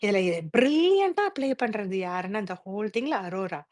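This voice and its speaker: A woman's voice: mid-range voice, big pitch swings, moderate pace, darkish tone, no echo. A woman giving an emphatic, opinionated review of a reality show in a live audio chat, switching languages mid-sentence.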